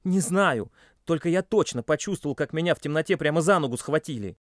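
A man doing a shrill, panicky young boy. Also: expressive, a little fast, no room sound, studio quality, lightly acted. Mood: stammering. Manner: hysterical, stammering, shrill.

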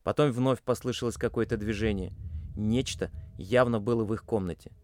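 A man reading a suspenseful audiobook with tense, expressive storytelling into a close mic. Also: fairly low pitch, normal speed, a little hiss or hum. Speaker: narrator. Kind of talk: dramatic audiobook narration.

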